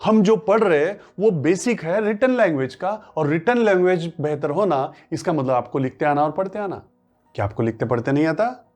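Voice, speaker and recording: A man's voice: on the high side, lively intonation, moderate pace, a little mellow. A man whose first language is Marathi, teaching a spoken English lesson in Hindi. He asks questions, answers them himself, and repeats phrases for emphasis. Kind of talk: classroom-style lesson.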